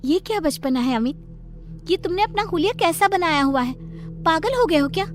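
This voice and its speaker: An actress plays a mother both alarmed and annoyed at her son. Her voice sits high and sounds exasperated. Bright cartoon music plays clearly underneath. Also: normal speed, lightly acted. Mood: scolding. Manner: sharp, exasperated. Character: worried middle-aged mother, scolding.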